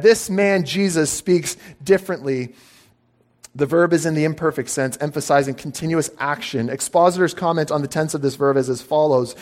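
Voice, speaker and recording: Higher-voiced man preaching a teaching sermon. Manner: explanatory teaching, fillers, checks in with "okay?". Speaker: pastor.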